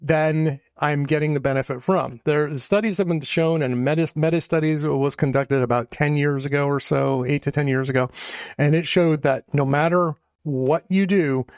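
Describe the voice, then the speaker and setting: Chatty man with a slightly high voice. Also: normal speed, darkish tone, dry recording. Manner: rambling, hedging, self-correcting. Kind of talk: casual chat.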